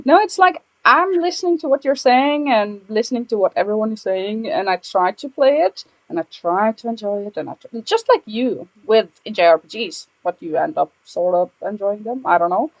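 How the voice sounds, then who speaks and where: A woman's voice: mid-range voice, expressive, normal speed, hardly any pauses, no room sound, muffled recording. A woman co-hosting a casual gaming podcast, enthusiastic and giggly. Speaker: podcast co-host and YouTuber. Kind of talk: casual chat.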